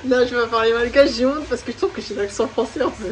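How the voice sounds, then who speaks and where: Cooking in a home kitchen for a casual vlog, this guest cook, a woman in her twenties from France, rambles along with plenty of fillers. She talks fast in a fairly high voice, and the recording is very noisy.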